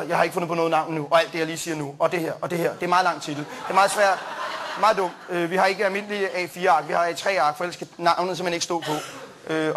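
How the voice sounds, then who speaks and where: A young man doing stand-up, telling a rambling story with plenty of fillers, restarts and quick jumps into quoted voices. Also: fairly high pitch, a bit bright. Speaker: stand-up comedian. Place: comedy stage before a live audience.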